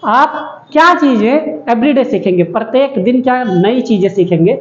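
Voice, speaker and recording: Echoey, higher-pitched woman teaching English. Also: expressive. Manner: slow, drawn-out reading of English lines; spells out words letter by letter. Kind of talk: explaining an English lesson in Hindi. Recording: echoey room, dull lo-fi sound.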